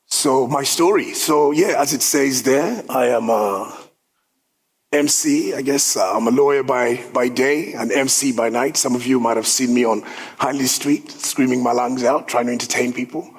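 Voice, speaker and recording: A man's voice: medium pitch, normal speed, slightly rough, low-quality recording. A man in his thirties from South Sudan, giving an upbeat, conversational talk about his own story at an event, with plenty of filler words. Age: 30s. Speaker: guest speaker. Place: event hall.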